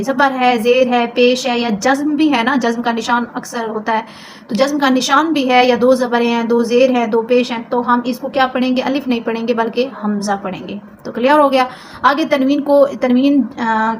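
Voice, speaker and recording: A woman teacher giving a recitation lesson, drawing out syllables slowly when she spells and speeding up when she explains. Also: a little high, slight background noise, low-quality recording. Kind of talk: step-by-step spoken lesson.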